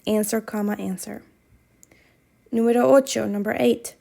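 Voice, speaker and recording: A woman's voice: medium pitch, steady tone, moderate pace, creaky, dark tone. A woman teaching Spanish, reading quiz questions aloud and patiently repeating instructions to her students.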